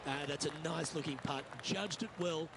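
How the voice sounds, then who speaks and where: A man's voice: fairly high pitch, moderate pace, vocal fry, very noisy. A man working as lead golf commentator, calling play live in short phrases.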